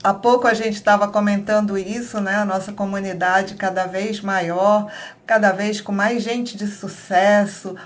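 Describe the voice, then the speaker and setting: A woman's voice: mid-range voice, fairly even intonation, a little slow. A middle-aged woman from northern Brazil with a faint Pará accent, chatting as a guest in an interview and laughing often as she tells her story. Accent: faint Pará Brazilian Portuguese, softened by years abroad. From Belém do Pará, Brazil. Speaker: guest entrepreneur. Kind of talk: casual interview conversation.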